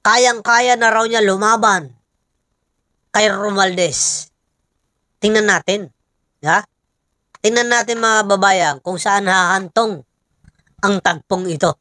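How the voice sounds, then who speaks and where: A Filipino woman offers informal political commentary in a medium-pitched, steady voice. She pauses often and presses rhetorical questions on her listeners with emphasis. There's some background noise.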